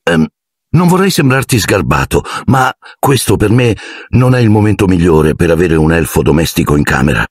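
A man reading an audiobook, voicing a polite, nervous boy wizard who speaks in an earnest, hushed, awkward way. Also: low voice, big pitch swings, moderate pace, no echo, clean studio sound. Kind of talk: audiobook character voice.

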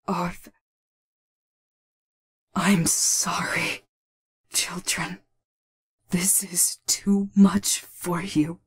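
A woman voicing an intense, calculating artificial professor in a dramatic video game style, formal and theatrical. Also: on the low side. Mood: weak, tender. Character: intense artificial female professor, calculating, proud, ultimately tender.

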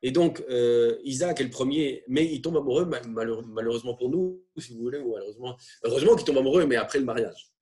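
A male lecturer works through a religious text for a class. He speaks in a middling voice, explains step by step, and pauses and restarts as he goes. He often adds small tag questions to check that his listeners follow. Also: medium pitch, dark tone. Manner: explanatory, halting, frequent "hein" tags.

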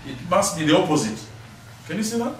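A high-voiced man teaches a Bible class, very animated and fast, emphatically repeating key words and asking rhetorical questions. The hall is very echoey, the mic distant, with faint noise.

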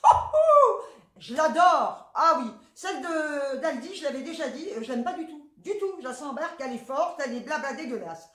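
This vlogger's voice sits high and sing-song at a moderate pace, carrying a southern French accent. Showing off her grocery haul in casual chat, she's blunt, cheeky and swears a lot, and the room around her echoes.

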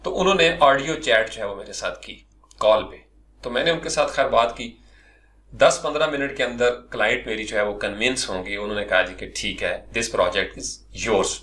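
A middle-aged man from Pakistan recounts how he began freelancing, in a lively storytelling voice of ordinary pitch. He talks straight to his viewers and warmly calls them "sir" as he goes. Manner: animated storyteller, addresses listeners as "jinab". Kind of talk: personal storytelling monologue.

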